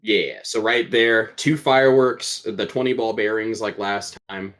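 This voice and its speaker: Low-voiced male player, hesitant. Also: unhurried. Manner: relaxed, hesitant, many fillers. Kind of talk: casual chat during a tabletop game.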